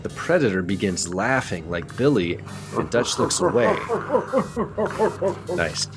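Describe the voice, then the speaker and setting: A man's voice: fairly low pitch, unhurried, vocal fry, over music. A man co-hosting a film podcast, chatting casually, reading listener notes and narrating a scene, laughing often. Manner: lively, laughing, reads listener submissions. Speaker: podcast co-host.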